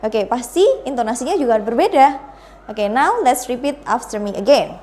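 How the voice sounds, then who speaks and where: A woman with an Indonesian accent teaching English, speaking in a bilingual classroom lesson and drawing out model sentences slowly for students to repeat. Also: on the high side, animated, a little mellow, slight background noise.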